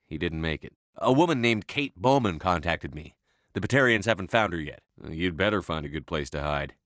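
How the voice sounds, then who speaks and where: A man playing a resolute human military commander in a space opera video game, speaking in a measured, authoritative, matter-of-fact way. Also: deep voice, animated, fairly bright tone, no room sound, clean studio sound. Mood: firm, matter-of-fact.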